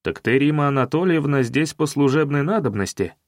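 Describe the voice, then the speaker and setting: A man's voice: fairly high pitch, animated, brisk, no room sound, clean studio sound, close to an everyday voice. A man reading an audiobook, voicing a cocky young male cook who wisecracks and asks curious questions. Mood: joking. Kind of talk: audiobook character voice.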